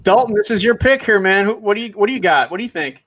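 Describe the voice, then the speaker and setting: A man's voice: high-pitched, expressive, fast talker, a bit bright. A man hosting a live football show, chatty, with many fillers, laughing easily. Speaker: show host. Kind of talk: casual sports chat.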